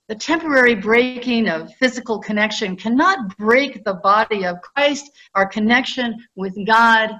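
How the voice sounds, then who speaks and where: An older woman, a pastor, delivering a sermon in measured, deliberate phrases, recorded through a webcam. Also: medium pitch, fairly bright tone. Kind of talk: sermon, read with pauses. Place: church sanctuary, indoors. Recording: slightly dull, lo-fi webcam audio.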